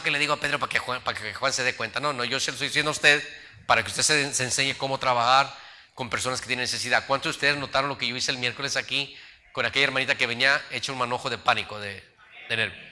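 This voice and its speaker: A man's voice: mid-range voice, fast, bright, forceful tone. A middle-aged man, preaching a sermon as pastor and acting out voices in his stories. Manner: storytelling preacher, acts out voices in his anecdotes.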